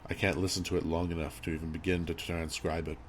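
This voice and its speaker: Male horror narrator, very deep register, measured and grave delivery, slight background noise and ambience. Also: level tone. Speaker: creepypasta narrator. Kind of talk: scripted horror story narration.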